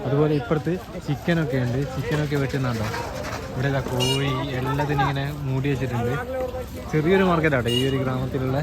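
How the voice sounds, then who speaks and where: A man's voice: mid-range voice, fairly even intonation, fast talker. Chatty man vlogging outdoors. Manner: chatty, guiding viewers, often tags sentences with "you know". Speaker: travel vlogger. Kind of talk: casual travel narration. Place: outdoors on a tea estate, hills and a village market.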